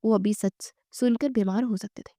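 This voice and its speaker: A woman's voice: medium pitch, fairly even intonation, mellow, dry recording. Woman storyteller, dramatic bedtime reading, dry close mic.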